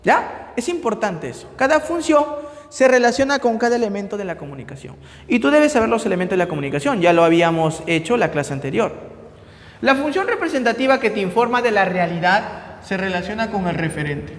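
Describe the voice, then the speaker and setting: A man teaching a recorded lecture to students with a Peruvian Spanish accent, checking in with "¿ya?" and "¿no?" as he explains, stressing key terms slowly before trailing off quieter. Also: high voice, big pitch swings. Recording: echoey room with long reverb.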